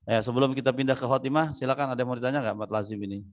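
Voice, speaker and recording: A male teacher gives an informal lesson on Quran recitation in a mid-pitched, everyday voice. He goes through the rules patiently, drops in "ya" after nearly every phrase and checks whether his students have understood. When he gives examples he draws the letters out slowly, in a half-chant. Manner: explains step by step, asks students questions, many "ya" fillers. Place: online class or recorded study session.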